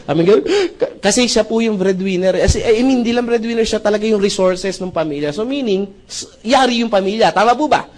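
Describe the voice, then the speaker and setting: Man, high voice, seminar speaker, jokey, checks in with the crowd, mixes in English. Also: brisk. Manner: jokey, animated, often asks the audience "right?"; mixes English into Filipino speech. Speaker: seminar speaker presenting a business opportunity. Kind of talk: live sales presentation to an audience.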